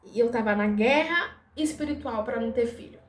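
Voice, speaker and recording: Brief: high-voiced woman, lively testimony, echoey room. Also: normal speed. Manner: lively storytelling, acting out dialogue. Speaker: dental assistant giving a testimony. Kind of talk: personal faith testimony.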